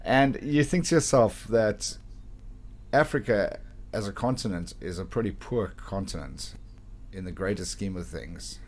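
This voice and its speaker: A man's voice: on the low side, measured pace, a little mellow. A man presenting on radio, talking directly to his listeners as the show's host.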